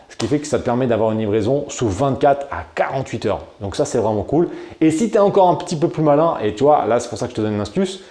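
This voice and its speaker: A man from France gives casual e-commerce advice to camera, chatty and full of slang. His voice is mellow and dark. The room around him leaves a noticeable echo. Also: mid-range voice. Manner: chatty and slangy, addresses the viewer familiarly. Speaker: e-commerce video host. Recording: roomy echo.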